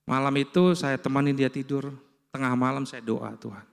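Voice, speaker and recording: A man's voice: mid-range voice, fairly even intonation, normal speed, creaky, smooth, in a large hall. A man preaching and telling a personal story, acting out the voices of others as he goes. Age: adult with children. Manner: storytelling, acts out quoted dialogue. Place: church hall.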